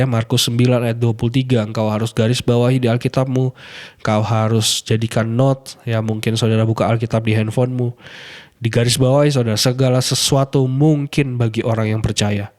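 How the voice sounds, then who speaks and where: A male pastor preaching a sermon in an earnest way, stretching key phrases slowly and often turning to address his listeners directly. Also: medium pitch. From Indonesia. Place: radio program.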